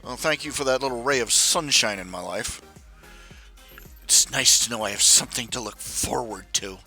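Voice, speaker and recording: Fiddling with software during a live stream, this forties-aged man talks casually, rambling and poking fun at himself with plenty of grumbling. He speaks at a normal speed in a mid-range voice over soft background music.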